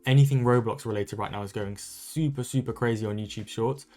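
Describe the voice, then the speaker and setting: A man talking fast and upbeat as he walks viewers through a screen-recorded tutorial. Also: warm tone. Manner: rapid, upbeat sales-pitch delivery. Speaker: online content creator teaching social media growth.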